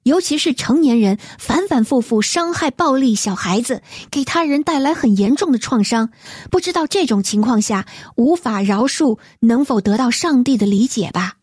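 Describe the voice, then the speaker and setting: Gentle, mellow-voiced woman radio host. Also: fairly high pitch, lively intonation, breathy edge, no room sound, clean studio sound. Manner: gentle, measured, reads letters aloud. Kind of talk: reading listener letters on a faith program.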